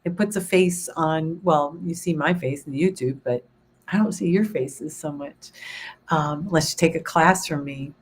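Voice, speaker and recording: A woman who is hoarse and losing her voice, leading a soothing guided meditation and then chatting casually with her online audience. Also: low-pitched. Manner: slow, soothing guided visualization; rambling, self-interrupting chat with fillers. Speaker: spiritual teacher hosting a livestream.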